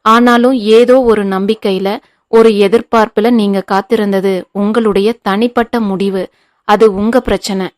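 A woman's voice: mid-range voice, fairly even intonation, moderate pace, lightly acted. Stern older mother-in-law read by a woman, scolding, cutting retorts, audiobook dialogue.

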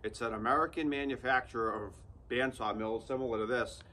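Outdoors beneath an open sawmill shed in the woods, a channel host in his thirties walks viewers through a practical build in a casual, direct how-to vlog. His medium-pitched voice is steady, fairly quick, and sharp in tone.

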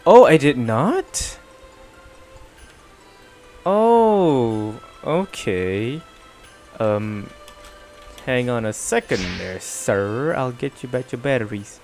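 A male streamer talking casually while he plays, rambling and restarting his sentences as he goes and laughing often. His voice sits in a middle pitch, with faint game music under him. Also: animated, extremely slow, long pauses, darkish tone. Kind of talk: casual let's-play chat.

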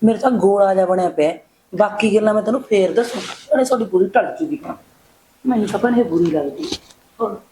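Actress as gossiping village woman, mid pitch, echoey faint-noise room. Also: dark tone, close to an everyday voice. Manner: chatty, gossipy, drawn-out remarks.

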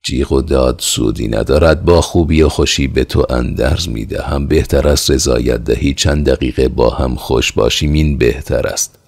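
A man voicing a callous Cossack commander who talks in a cold, falsely calm and menacing way. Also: rumbling low, creaky, breathy edge, full character voice. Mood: coldly menacing.

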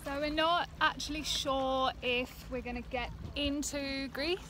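Young Australian woman, high bright voice, chatty and giggly, selfie-cam vlog with heavy wind noise. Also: steady tone, unhurried. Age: young adult. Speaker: sailing vlogger. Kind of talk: casual vlog chat. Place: outdoors on a sailboat and streets. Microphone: camera held at arm's length. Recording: loud wind and outdoor noise.

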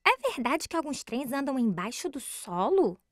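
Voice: high voice, sing-song, moderate pace, no room sound, clean studio sound. An actor voicing a curious, eager preschool boy in a cartoon, with a small childlike voice.

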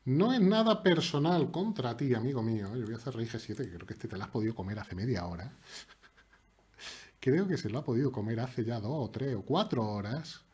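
A man commentates his own live chess game, his slightly husky voice swinging widely in pitch as he jokes. He teases his opponent and chats to his viewers in a playful, animated way. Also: moderate pace. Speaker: chess streamer. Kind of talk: live commentary while playing online chess.

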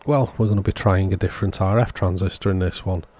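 Talking fast in a deep, dark voice with fairly even intonation, a man narrates a repair step by step as host of a radio repair channel. His voice-over is informal and matter-of-fact but sounds scripted.

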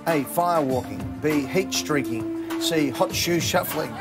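A man's voice: fairly high pitch, slow. A middle-aged Australian man hosting a TV quiz show, chatty and joking with contestants. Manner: jokey, chatty, upbeat. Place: large TV studio with live audience. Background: show music and audience.

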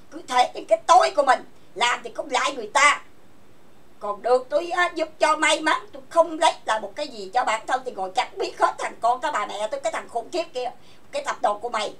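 A woman's voice: high voice, a bit bright, recorded from a distance. A woman, hosting an online chat room and delivering a furious, cursing rant. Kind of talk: angry rant. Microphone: computer voice chat mic.

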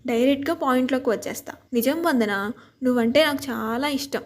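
A man's voice: very high voice, a little fast. A woman voicing a friendly, confident young man courting a girl, talking playfully in a read-aloud story. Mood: earnest. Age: young adult. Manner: playful, talkative.

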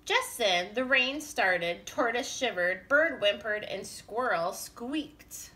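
A woman preschool teacher reading a picture book aloud to her class, gentle and expressive with chatty asides. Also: fairly high pitch, slow pace.

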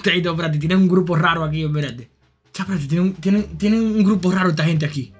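A young man with a Dominican accent, live-streaming and reacting to chat messages, repeating phrases and jumping into high shouts. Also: soft background music. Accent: Dominican Spanish. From Dominican Republic. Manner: excitable, jumps to high shouts and back; repeats phrases in quick bursts.

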